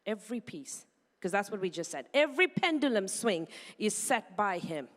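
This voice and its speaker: A woman preaching a sermon in a church, animated and firing rhetorical questions she answers herself. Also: medium pitch, normal speed. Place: church sanctuary. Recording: reverberant church hall sound.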